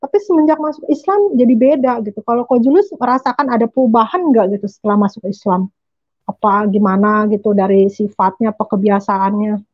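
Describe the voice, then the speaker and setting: A woman hosting a casual interview in flavored speech, chatty and quick to laugh. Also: medium pitch, dull audio. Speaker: host.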